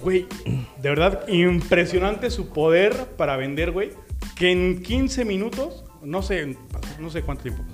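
A man's voice: high-pitched, lively intonation, unhurried, faint music behind. A man with a Mexican accent hosting a casual comedy chat, telling crude, joking stories. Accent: Mexican Spanish. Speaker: show host.

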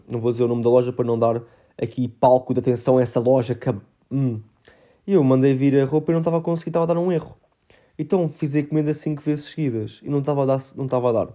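A man's voice: medium pitch, mellow. A 19-year-old man with a European Portuguese accent, telling a story in a casual vlog and acting out phone calls. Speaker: vlogger.

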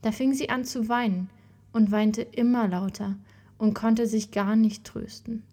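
A woman reading a German fairy tale aloud in a soft, whispered storytelling voice. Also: a little high, steady tone, measured pace, breathy edge.

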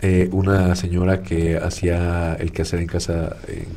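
A man's voice: low-pitched, completely flat delivery, normal speed, warm tone, a little hiss or hum. A man from Mexico City with a Mexican accent, hosting a casual chat, telling anecdotes with jokes and stammered restarts. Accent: Mexican Spanish. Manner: storytelling, joking, with stammered restarts. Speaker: podcast host.

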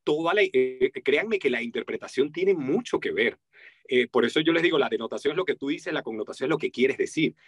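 A man's voice: fairly quick, breathy edge, no room sound. A man with a Venezuelan accent, a voice-over artist talking animatedly in an interview and acting out the voices he quotes. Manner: animated, acts out quoted voices with big pitch jumps. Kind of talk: casual interview talk.

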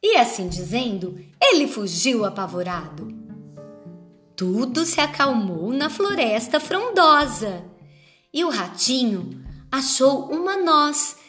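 A woman reading a rhyming children's storybook aloud, slowly and expressively. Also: high-pitched, faint music behind. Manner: slow, expressive rhyming narration.

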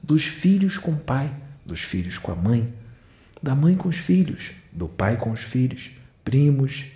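A man's voice: medium pitch, very animated, measured pace, dark tone. A man giving a channeled spiritual sermon, admonishing his listeners with rhetorical questions. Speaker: spiritual medium. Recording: echoey room.

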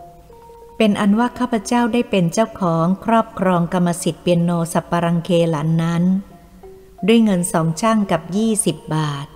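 A woman's voice: mid-range voice, a little mellow. Woman reading a story in an echoey room. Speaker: narrator. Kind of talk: audiobook reading of a memoir. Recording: echoey room, faint music.

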